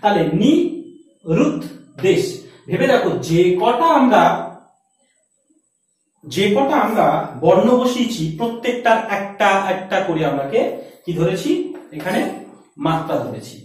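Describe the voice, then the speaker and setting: A high-voiced, animated male teacher walks students through a lesson step by step, asking questions and answering them himself. He sounds far from the mic, in a very echoey room. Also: a little slow, long pauses. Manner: explains step by step, asks and answers own questions. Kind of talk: classroom lecture.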